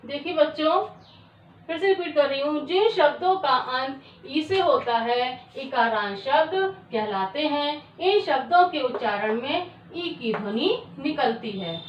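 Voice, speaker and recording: Woman, teacher, classroom lesson, slow dictation, quizzing students, echoey, dull recording from away from the mic. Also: sits high, animated, recorded from a distance, a little hiss or hum.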